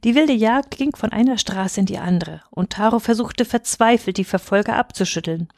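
Female reader, steady storytelling narration, mid pitch, dry close sound. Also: normal speed, dry recording. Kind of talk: scripted narration of a folk tale.

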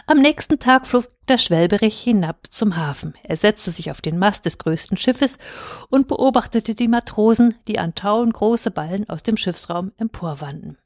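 Calm woman reading a storybook. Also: mid-range voice, moderate pace, dry recording, studio quality.

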